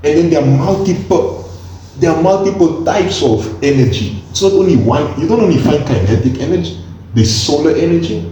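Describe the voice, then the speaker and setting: Speaking at a normal speed in a slightly high voice, a 21-year-old male co-host makes his case in casual conversation, earnest and lively, scattering slang throughout. The audio is dull and echoey, captured from across the room, with faint hiss or hum.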